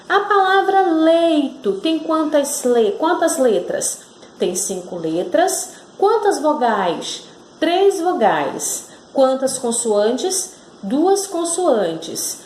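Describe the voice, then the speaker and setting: A woman teacher speaks slowly and lets her high voice rise and fall as she stresses each syllable for children. The words come drawn out and clear. The recording has a roomy echo. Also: darkish tone, slight background noise. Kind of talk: children's Portuguese lesson.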